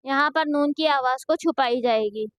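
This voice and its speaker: A woman's voice: high-pitched, moderate pace, no room sound. A woman teaching Quran reading, patiently spelling out letters and syllables, then explaining the rules. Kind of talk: slow spelled-out recitation drills with explanations.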